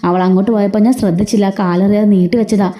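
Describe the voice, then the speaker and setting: A woman's voice: medium pitch, steady tone, very fast, warm tone, lightly acted. A woman voicing a defensive young husband in a told story.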